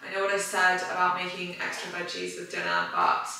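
Chatty young woman, bright voice. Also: fairly low pitch, sing-song, a little fast, distant mic. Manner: chatty, rambling, self-deprecating. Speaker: vlogger. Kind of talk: casual chat to camera. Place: home, dressing room and kitchen.

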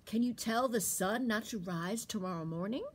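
A woman's voice: medium pitch, normal speed, slightly rough, natural voice. A woman voicing a tiny, curious male squirrel in a read-aloud story, speaking in a small, questioning way.

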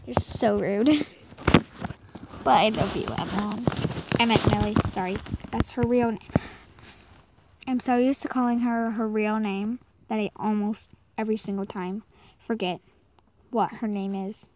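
A woman's voice: mid-range voice, fairly even intonation, normal speed, long pauses, a little mellow, a little hiss or hum, poor audio. A young girl chatting casually and rambling while commenting on a game at a friend's house. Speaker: guest commentator.

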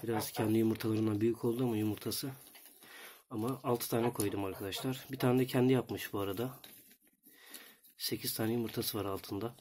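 A man making a casual vlog, talking to his viewers and softly doting on his goose at its nest. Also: fairly low pitch, fairly even intonation, fairly quick, slight background noise. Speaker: goose keeper vlogger.

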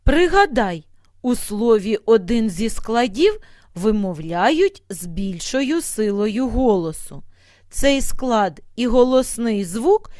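Woman, reading a rule aloud, slow, very melodic intonation, dry close sound. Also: mid-range voice, a little mellow, no room sound. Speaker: reader of a textbook rule.

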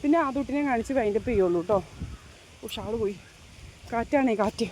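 A woman's voice: on the high side, brisk, a little mellow, a little hiss or hum. Woman, casual walking vlog, chatty tag-question delivery, phone mic outdoors, faint ambience. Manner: chatty, keeps addressing viewers with tag questions. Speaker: vlogger. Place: outdoors walking along roads, then at home.

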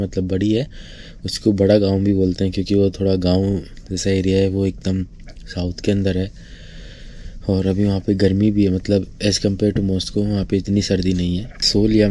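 A man's voice: deep voice, a little hiss or hum. A young man from India chatting casually to his camera from a train sleeper berth, held at arm's length. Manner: relaxed, chatty, talking to camera. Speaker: travel vlogger. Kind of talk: casual vlog narration. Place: sleeper compartment of a moving train. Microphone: handheld camera at arm's length.

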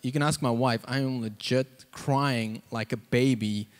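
A South African preacher stands on stage in a church auditorium, speaking into a handheld mic before a seated congregation. His informal sermon and testimony come out halting and conversational, full of "like" and "you know." His mid-range voice keeps a fairly even intonation.

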